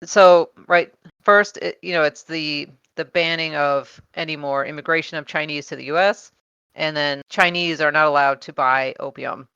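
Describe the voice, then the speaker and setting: A woman's voice: low voice, steady tone, moderate pace, a bit bright, clean tone, no echo, dull audio. A woman co-hosting a podcast, explaining her research in casual chat with many fillers and frequent laughs. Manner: chatty, laughs often, many fillers and restarts.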